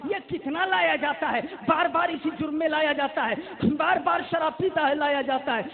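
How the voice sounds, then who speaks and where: A man delivers a fiery sermon in a mosque, speaking with a tinge. His voice sits very high and climbs into shouts as he recites Arabic quotations. The recording is thin and phone-like. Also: normal speed, vocal fry, crowd noise. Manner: impassioned, rising to shouts, quotes Arabic. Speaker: Islamic preacher. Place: mosque gathering.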